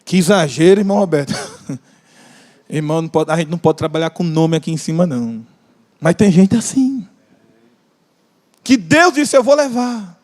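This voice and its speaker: In a large church hall with long reverb, a preacher with a Brazilian Portuguese accent delivers a passionate sermon, stretching emphatic phrases and trading jokes with the congregation. His voice is on the high side, animated and darkish in tone.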